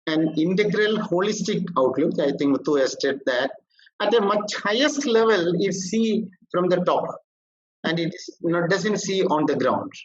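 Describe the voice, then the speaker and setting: A male corporate trainer lecturing a workshop group, explaining in a halting way with frequent restarts. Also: sits high, expressive, slightly rough, lo-fi sound.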